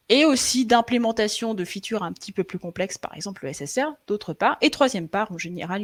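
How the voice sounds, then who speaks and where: A young woman giving a live online coding presentation over a computer mic. She talks in a loose, hesitant way, full of fillers and restarts, and checks in with her viewers now and then. Her throat is a little sore. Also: medium pitch. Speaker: frontend developer presenting a live webinar. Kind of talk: live tech presentation, conversational.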